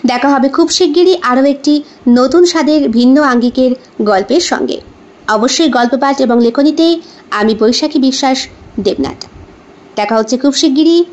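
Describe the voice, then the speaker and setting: A woman narrating an audio story in a measured way and closing with a sign-off to her listeners. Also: high voice, a little mellow, highs cut off. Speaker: storyteller and channel host.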